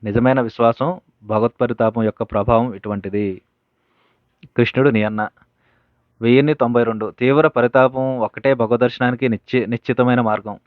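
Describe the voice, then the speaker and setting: A man reading devotional stories aloud from a book at a steady pace, sometimes stopping to correct a word. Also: mid-range voice, fairly quick, no echo. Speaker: reader of spiritual teachings. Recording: narrow phone-like dry audio.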